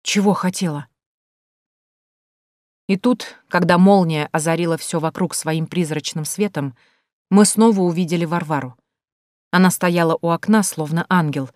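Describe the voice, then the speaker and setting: A woman narrating an audiobook in the first person, measured and suspenseful, on a close microphone. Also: lowish voice, darkish tone, no echo.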